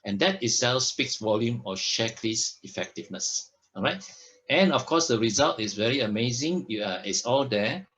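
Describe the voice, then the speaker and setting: A man's voice: mid-range voice, expressive, normal speed, a bit bright. A man presenting products in a sales talk, emphatic, often checking in with "all right?" and "okay?". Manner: emphatic, stresses words by repeating them.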